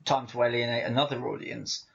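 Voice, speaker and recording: A man's voice: mid-range voice, steady tone, a little fast, vocal fry, a little hiss or hum. A man co-hosting a podcast, chatting casually and making crude jokes. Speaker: podcast co-host. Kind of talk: casual chat. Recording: dull lo-fi podcast audio.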